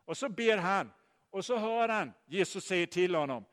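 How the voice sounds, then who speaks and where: A man preaching a sermon, telling the story in a lively way and putting questions to his listeners. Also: high voice. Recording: long hall reverb.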